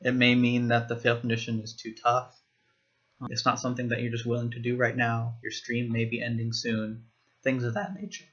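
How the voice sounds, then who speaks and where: Man explaining software step by step. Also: medium pitch, completely flat delivery, moderate pace, muffled recording. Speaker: software demo presenter. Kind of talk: screen-recorded software walkthrough.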